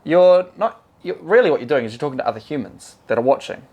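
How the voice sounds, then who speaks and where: A man's voice: fairly high pitch, sing-song, quick pace, warm tone, lo-fi sound. A man hosting a casual interview, upbeat and encouraging, often repeating words as he talks. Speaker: host.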